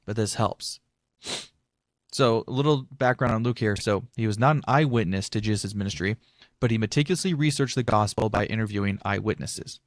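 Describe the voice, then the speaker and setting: A man's voice: lowish voice, fairly quick, no room sound, studio quality. A young man hosting a casual Bible-study podcast, talking in a rambling, chatty, self-deprecating way. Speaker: podcast host.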